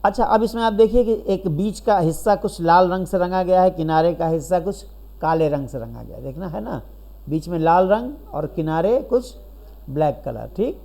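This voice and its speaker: Mellow-voiced man teaching biology. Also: high voice, lively intonation, moderate pace, creaky. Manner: explains step by step, asks questions and answers them, keeps checking with "right?". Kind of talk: recorded classroom lecture.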